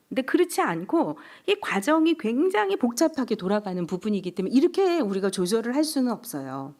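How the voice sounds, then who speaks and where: A middle-aged woman giving a healing seminar talk at a church, acting out everyday voices as examples. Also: on the high side. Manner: animated, acts out quoted voices of parents and children. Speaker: seminar speaker.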